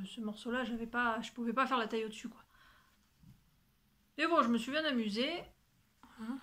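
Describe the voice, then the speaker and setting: A woman chatting casually about her sewing and knitting projects, rambling, swearing now and then, and sometimes dropping to a whisper. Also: fairly high pitch. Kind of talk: casual chat to camera.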